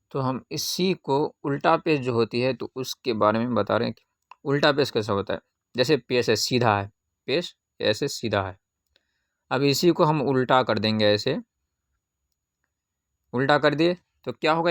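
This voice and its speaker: A man teaching a Qaida reading lesson, patiently asking questions and answering them himself, with drawn-out syllable recitation. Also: medium pitch, gravelly, a bit bright, no echo, clean studio sound.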